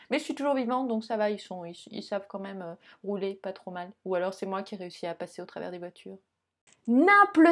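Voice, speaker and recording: A young woman giving a casual video lesson on Italian, chatty and joking, speaking straight to the viewer. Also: fairly high pitch. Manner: chatty, jokey, addresses viewer directly. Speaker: Italian teacher.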